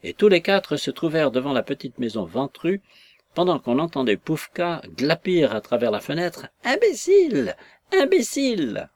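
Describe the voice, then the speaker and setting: A man reading a novel aloud as narrator, expressive and acting out voices. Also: on the high side, normal speed, dry recording. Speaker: audiobook reader. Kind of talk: scripted narration.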